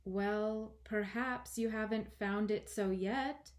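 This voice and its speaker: Woman playing a young storybook girl, shy, polite, hesitant, earnest, slow-paced. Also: medium pitch, fairly even intonation, pitched above the performer's own voice, lightly acted. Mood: polite, insistent. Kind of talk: children's storybook read-aloud.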